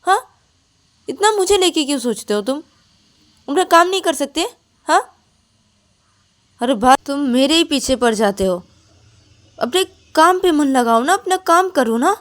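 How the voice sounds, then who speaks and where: A woman voicing Payal, a lonely, anxious young woman who pleads softly and then scolds sharply. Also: medium pitch, steady tone, normal speed, lightly acted. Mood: scolding. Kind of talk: storybook narration.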